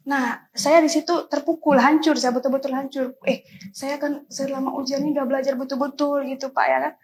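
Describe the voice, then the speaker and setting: A young woman with a high, light voice tells an emotional personal story, earnest and tearful. She keeps turning to the interviewer as she speaks. A faint hiss sits under the recording. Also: flat delivery, a little fast, poor audio. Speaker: interviewee, student.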